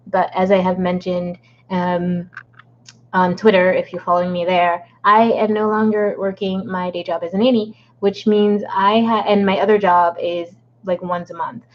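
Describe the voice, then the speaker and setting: A woman's voice: on the low side, a little hiss or hum. Chatty woman, lo-fi stream audio. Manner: chatty, rambling and playful, with a put-on accent she jokes about. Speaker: author hosting a live writing stream. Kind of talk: casual livestream chat. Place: home desk.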